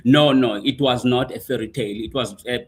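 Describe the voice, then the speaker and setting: A man's voice: medium pitch, fairly even intonation, brisk, slightly rough. A man from South Africa, an executive coach and the guest, talking in a casual interview with many fillers and hesitations.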